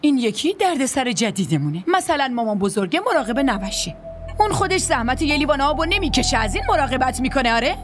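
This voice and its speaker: A woman's voice: high-pitched, big pitch swings. A woman dubbing a bitter young wife who complains sharply and resentfully. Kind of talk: Persian dubbing of a drama series. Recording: voice over loud music.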